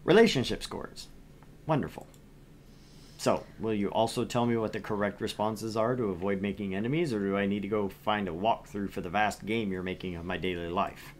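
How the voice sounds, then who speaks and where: During a casual livestream, a man with a fairly low, brisk voice plays and reads a game aloud, chatting and joking, with slight background noise behind him.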